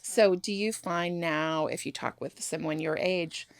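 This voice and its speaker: A woman's voice: lowish voice, unhurried, vocal fry. An American woman hosting a podcast interview, thinking aloud in long reflective sentences. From United States. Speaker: podcast host. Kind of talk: interview conversation.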